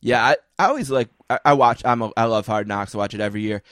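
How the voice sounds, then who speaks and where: A podcast host chats casually, making jokes at his own expense and tossing in quick asides. His medium-pitched voice has a fairly bright tone, captured in a dry, studio-quality recording.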